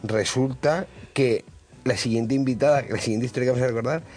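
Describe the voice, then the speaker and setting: Husky-voiced male radio host. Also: mid-range voice, a little fast, a little mellow. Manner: rambling, with many hesitations. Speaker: radio travel show host. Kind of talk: casual studio chat. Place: radio studio.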